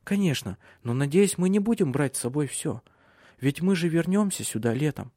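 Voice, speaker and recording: A man voicing a gentle young wife and mother in an audiobook reading. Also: fairly high pitch, lively intonation, moderate pace, dry recording, studio quality, voice pushed up. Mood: tender. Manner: soft raised voice for a woman.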